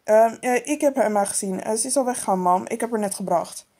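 A woman's voice: a little high, mellow, lightly acted. Woman voicing a flustered schoolgirl. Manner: hurried, a little flustered. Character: school-age daughter, always running late. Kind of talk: toy-figure storytelling.

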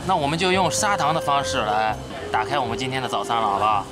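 A man's voice: mid-range voice, fast, over loud music. A young man hosting a food vlog in an indoor cafe, chatting casually and exclaiming at each dish on a handheld camera mic. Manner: upbeat, chatty, exclaims at the dishes. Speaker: food vlogger host. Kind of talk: casual chat while tasting food. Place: indoor themed cafe and shop.

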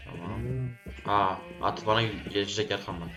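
A man's voice: lowish voice, moderate pace. A man giving casual gameplay commentary, talking to himself and scolding the animals and the game as he plays. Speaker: gaming YouTuber.

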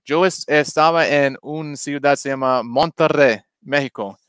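Slow, hesitant man with a smooth voice. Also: fairly high pitch, a bit bright, no room sound, studio quality. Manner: hesitant, halting Spanish with many fillers and English asides. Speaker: guest YouTuber. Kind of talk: casual livestream chat.

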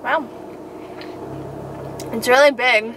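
A young woman reviewing fast food in a parked car, chatty and giggly, talking with her mouth full of fries. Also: a little high. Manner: chatty, giggly, talks while eating. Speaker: food vlogger. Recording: noisy car interior.

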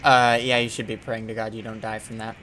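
A man's voice: fairly low pitch, little pitch movement, brisk, pushed and bright, a little hiss or hum. A man chatting casually while playing a video game, goofy and playful, tossing out silly sound effects. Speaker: gamer co-host. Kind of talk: casual gaming chat.

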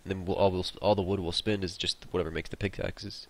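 A young man who hosts a gaming channel runs a casual co-op session, rambling, joking, and swearing mildly. His voice is low and fast, with fairly even intonation.

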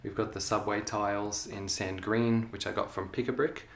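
A man's voice: fairly low pitch, normal speed, vocal fry. Young man chatting through a home tour. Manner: relaxed, chatty, frequent ums. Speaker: LEGO hobby vlogger. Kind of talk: casual show-and-tell. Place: carpeted room at home. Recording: echoey room, faint noise.

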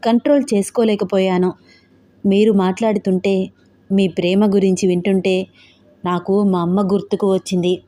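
Woman doing soft heartfelt young woman, trusting, emotional. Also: medium pitch, flat delivery, normal speed, pauses often, close to an everyday voice. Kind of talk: audio novel dialogue.

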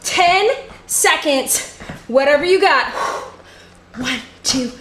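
A woman's voice: sits high, expressive, slow pace, a bit bright, reverberant, a little hiss or hum. A young woman leading a live bodyweight workout as fitness instructor, calling out cues while exercising along and a little out of breath.

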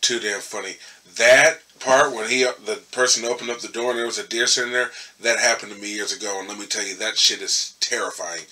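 A laid-back man talking casually as he reacts to comedy clips, with a low voice that has a very sharp, bright edge. He sits a bit back from the mic, with faint noise behind him. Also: fairly even intonation, fairly quick, hardly any pauses, recorded from a distance. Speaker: reaction video host.

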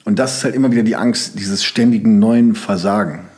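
Speaking a little fast with a darkish tone and a fairly low voice, a young man from Germany's Sauerland chats as a podcast guest. The interview is casual, and his sentences wander, full of fillers.

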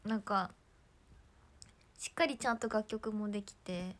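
A young woman with a hoarse throat chatting casually on a livestream, bubbly and chatty, often dropping to soft near-whispers. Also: medium pitch, unhurried. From Japan. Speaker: idol livestreamer.

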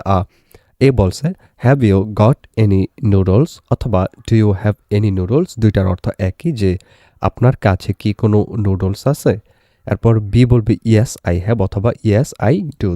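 Calm Bangladeshi man with a mellow voice. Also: fairly low pitch, no room sound, clean studio sound. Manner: calm and explanatory, reads English lines slowly and carefully. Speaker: teacher. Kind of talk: classroom lesson explanation.

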